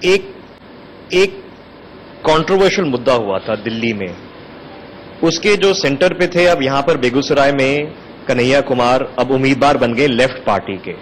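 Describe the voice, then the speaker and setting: A male interviewer putting questions to a politician, halting over fillers before he gets to the point. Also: mid-range voice, a little hiss or hum, low-quality recording.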